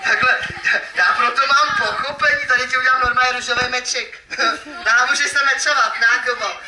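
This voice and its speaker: A man's voice: very high-pitched, fairly even intonation. A man performing as a children's magician at a live event, playfully teasing the kids and calling out to the crowd. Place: event hall with audience. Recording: echoey, distant mic, noisy ambience.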